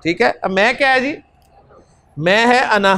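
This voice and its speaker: A man's voice: very high-pitched, a little slow, bright, forceful tone, clean tone. A man teaching a classroom lecture and leading recitation drills with patient repetition. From Pakistan. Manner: patient, repetitive, often adds "ji". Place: classroom with students.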